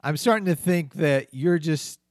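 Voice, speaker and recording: A man's voice: on the high side, normal speed, no room sound, clean studio sound. A man from North Carolina co-hosting an improvised comedy podcast, laughing often as the exasperated straight man. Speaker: podcast co-host.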